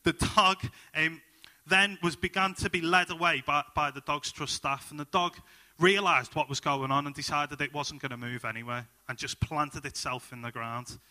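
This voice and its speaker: Man, Liverpool accent, young adult, preacher, casual sermon, jokey, fairly high voice. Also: steady tone, moderate pace, sharp tone. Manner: chatty, jokey and upbeat, many ums. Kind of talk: sermon with personal stories.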